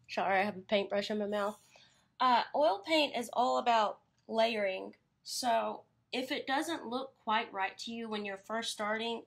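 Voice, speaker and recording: A woman's voice: fairly high pitch, vocal fry, a bit bright. A young woman painter chatting casually during a live studio stream, rambling a little and laughing easily, recorded on her phone in her studio. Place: her art studio, indoors.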